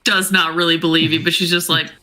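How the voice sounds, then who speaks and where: A woman's voice: on the low side, little pitch movement, fast, background noise. A woman playing a tabletop game, chatting casually in a teasing, wry way. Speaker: player.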